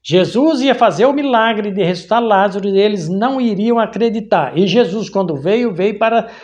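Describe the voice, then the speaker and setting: Very high-voiced man teaching scripture. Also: lively intonation, a little mellow, lo-fi sound. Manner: reads verses slowly, often checks in with listeners. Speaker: Bible teacher. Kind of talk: explanatory Bible lesson.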